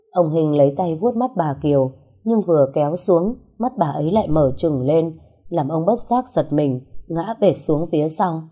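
A woman narrates a dramatic story as a scripted audiobook. Her voice sits low, dark and husky. She keeps a steady storytelling pace.

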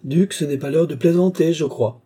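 Haughty noble countess, a man reading her, husky and dark-toned, audiobook. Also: mid-range voice, normal speed. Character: proud, quick-tempered noble countess. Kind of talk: audiobook character voice.

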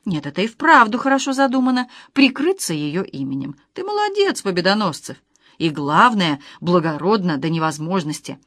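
A woman reading an audiobook, voicing a spiteful, capricious young wife with a sharp, mocking tone. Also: on the low side, sing-song, normal speed, no room sound, clean studio sound. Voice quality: sharp, mocking, shrieking when angry.

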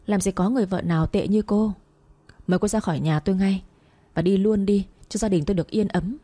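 A woman's voice: medium pitch, fairly quick, mellow, husky, no room sound, close to an everyday voice. A woman doing a sneering old mother-in-law. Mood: scolding. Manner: sneering, scolding. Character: scornful older mother-in-law, harsh and mocking.

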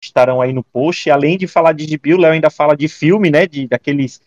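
A Brazilian man hosting a podcast in casual chat, halting and repeating words as he thinks. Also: a little high, a little mellow, dry recording. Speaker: podcast host. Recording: dry but slightly dull audio.

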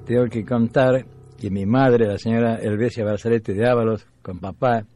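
A man in his nineties with an Argentine accent, telling family memories in an interview with pauses. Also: mid-range voice, fairly even intonation, warm tone, faint music behind. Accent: Argentine Spanish. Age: 90s. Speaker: interviewee, folk musician. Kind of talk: storytelling memories.

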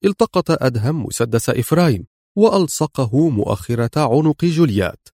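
A man narrating a thriller audiobook in a dramatic, lively storytelling manner. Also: mid-range voice, no room sound, clean studio sound.

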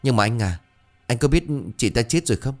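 A man voicing an anxious young woman who speaks in a hushed, worried way. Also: medium pitch, lively intonation, a little fast, soft background music, lightly acted.

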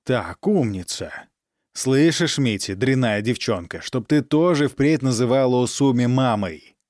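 A man's voice: medium pitch, animated, a little slow, no echo, clean studio sound, lightly acted. A man playing a cruel aristocratic count who harshly berates his daughter in an audiobook reading. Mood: commanding. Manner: harsh, shouting, menacing.

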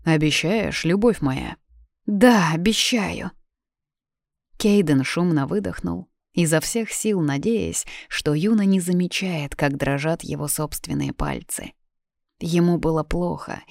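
A woman reading a story aloud in steady, scripted narration. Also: low voice, no room sound, studio quality. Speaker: audiobook reader.

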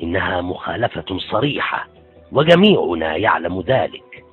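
An unbending laborer, as a male reader plays him insists coldly on the rules in a deep voice. The sound is thin and phone-like, with faint music underneath. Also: sing-song, moderate pace, breathy edge, exaggerated voice. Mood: stern. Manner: cold, insistent. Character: stern male laborer, unbending about the law.

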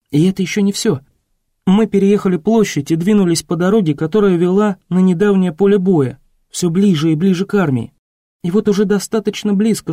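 A man narrating an audiobook in a measured, expressive reading. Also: high voice, no echo, clean studio sound. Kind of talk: scripted narration.

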